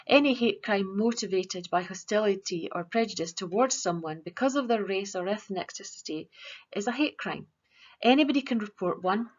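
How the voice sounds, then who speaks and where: A woman teacher speaks to a school assembly in an earnest, measured way, pausing on ums. Her voice sits in a middle pitch. The recording is slightly dull and lo-fi. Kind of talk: presenting a virtual school assembly.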